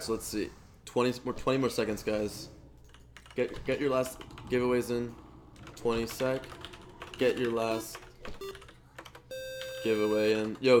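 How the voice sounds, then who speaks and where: A man's voice: on the low side, a little hiss or hum. A young man live-streaming a game, chatting casually with his viewers and stumbling over repeated words. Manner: stammers and repeats words, talks to chat while playing.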